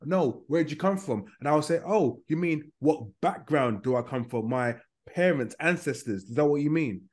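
A man's voice: fairly high pitch, animated, moderate pace, a little mellow. A man with a London accent in a heated podcast debate, blunt and dismissive, talking over the others.

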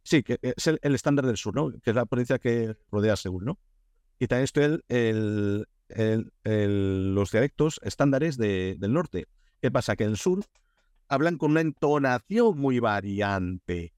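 The man's voice is medium in pitch and a touch slow, captured as a dry, studio-quality recording. He comes from Spain and speaks with a Spanish accent, appearing on a casual podcast as a Korea expert who tells animated stories riddled with fillers and restarts.

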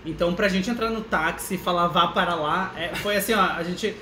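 A man's voice: high voice, brisk, sharp tone, reverberant, slight background noise. A man chatting as a podcast guest, telling stories with frequent laughs and restarts. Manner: chatty storyteller, laughs often, restarts mid-sentence. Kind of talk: casual chat.

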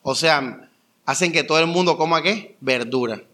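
Young pastor guy, chatty sermon, storytelling, kinda high bright voice. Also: moderate pace. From Colombia. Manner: animated storytelling with rhetorical questions. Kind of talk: conversational sermon.

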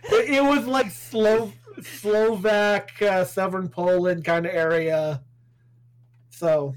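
A man chatting on a stream over voice chat, stammering a little and firing back quick retorts. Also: sits high, steady tone, smooth. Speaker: stream guest friend. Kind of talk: casual stream banter.

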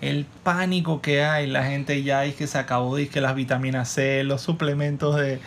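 A man's voice: mid-range voice, little pitch movement, normal speed, slight background noise. A man with a Panamanian Spanish accent hosting a podcast in a casual, playful, slangy way. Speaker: podcast host; stand-up comedian.

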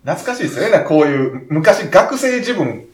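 A man with a Kansai accent in casual chat, polite and full of quick agreeing backchannels. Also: on the high side, sing-song. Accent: Kansai Japanese. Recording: roomy echo.

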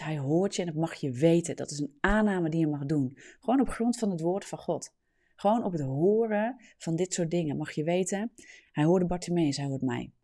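Earnest preacher with a mellow voice. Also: medium pitch. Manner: earnest, explanatory, frequent tag "hè". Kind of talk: sermon.

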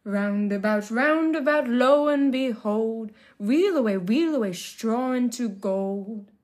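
A woman voicing a droll, hobbling little male dwarf who bargains slyly, drawing out his words in a slow sing-song. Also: a little high, expressive, dark tone, voice pushed up. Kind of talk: storybook reading.

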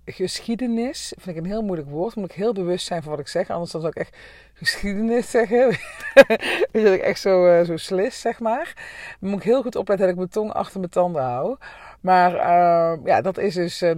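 Brief: middle-aged woman host, a little hoarse, chatty, filler-heavy delivery, dry sound from a parked car. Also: on the low side, mellow, no echo. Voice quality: slightly hoarse. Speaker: podcast host. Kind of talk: casual solo podcast monologue.

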